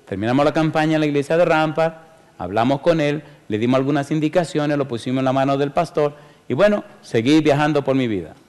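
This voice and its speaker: A man's voice: a little high, fast, a little mellow, big-room sound. A man preaching a sermon in a church, telling a story and then urging people to come forward, in an emphatic, pleading way. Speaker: pastor. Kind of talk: sermon with altar call.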